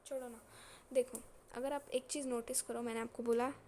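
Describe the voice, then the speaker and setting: A woman's voice: on the high side, little pitch movement, normal speed, dark tone. A woman science teacher lecturing in a casual, teasing and scolding way, repeating her points and mixing in terms. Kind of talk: classroom lecture.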